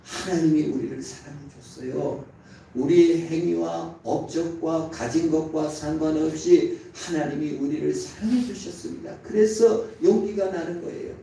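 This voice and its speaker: A man's voice: steady tone, normal speed, gravelly. A male pastor giving an emphatic sermon in a church, voice rising and falling sharply for stress. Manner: emphatic preaching with sharp rises in pitch and volume. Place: church sanctuary. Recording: very echoey church from far off, faint noise.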